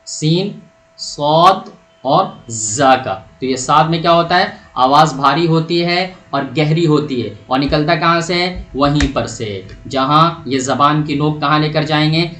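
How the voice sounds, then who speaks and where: Man, Quran reading teacher, patient explanations, drawn-out letter sounds, slightly high voice, echoey room. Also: fairly bright tone. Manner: patient, asks questions then answers them; stretches out letter sounds to demonstrate. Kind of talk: step-by-step pronunciation lesson.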